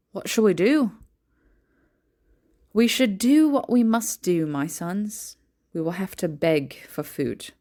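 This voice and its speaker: A woman's voice: mid-range voice, close to an everyday voice. A woman doing a weary, tender widowed mother. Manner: soft, resigned, tender.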